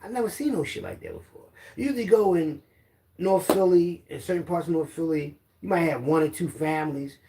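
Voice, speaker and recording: Middle-aged man, Philadelphia accent, gravelly and slightly high, casual rambling storyteller. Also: a little fast, background noise. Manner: loose street slang, rambling recollection. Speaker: storyteller guest.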